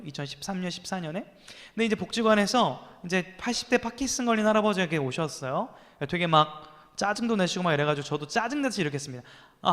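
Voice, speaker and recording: A man's voice: sits high, a bit bright, in a large hall. A man in his thirties preaching a youth sermon as a pastor, telling stories with acted quotes and asking the listeners rhetorical questions. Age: 30s.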